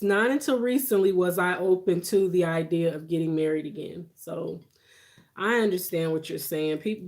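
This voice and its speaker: A woman in her forties with a slightly low voice chats casually, as on a livestream. She speaks in a conversational, reassuring way, like someone giving personal advice. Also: a little mellow. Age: 40s. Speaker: livestream host. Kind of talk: casual livestream chat with viewers.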